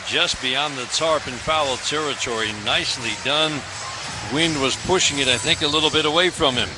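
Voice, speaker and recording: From an outdoor ballpark broadcast booth, an American man calls a baseball game live on the radio as the play-by-play announcer. His voice is fairly high and moderately paced, and the poor audio carries music and clear stadium ambience in the background.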